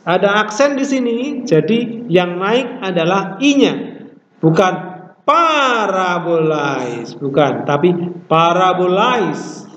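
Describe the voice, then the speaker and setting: A man teaching a classroom language lesson, explaining step by step and repeating words slowly to model pronunciation. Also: high voice, expressive, slight background noise. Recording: echoey room, distant mic, dull lo-fi sound.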